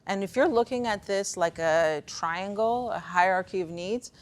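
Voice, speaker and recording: At normal speed and medium pitch, a woman from Pakistan with Afghan heritage delivers a casual motivational conference talk about beliefs and performance, conversationally acting out dialogue as she tells lively personal stories.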